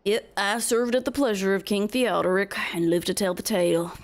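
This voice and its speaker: A woman voicing a grim retired male palace guard in a game, with a low, somber, slow delivery. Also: lightly acted. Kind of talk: reading game dialogue aloud in voices.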